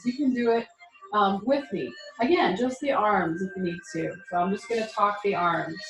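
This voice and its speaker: Female tai chi teacher, mid-pitched voice, encouraging, informal step-by-step cues, roomy echo. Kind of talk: guided movement class with spoken cues. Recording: roomy echo, music behind.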